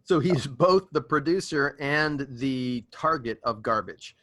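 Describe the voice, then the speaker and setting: A man playing a tabletop game, wry and quick to argue in character. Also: mid-range voice, expressive, pushed and bright. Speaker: player.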